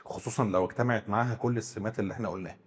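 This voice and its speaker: A man's voice: fairly low pitch, steady tone, very fast, slightly rough, in a large hall. A man with an Egyptian Arabic accent who asks questions and hesitantly rephrases points in a discussion. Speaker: psychiatrist co-host.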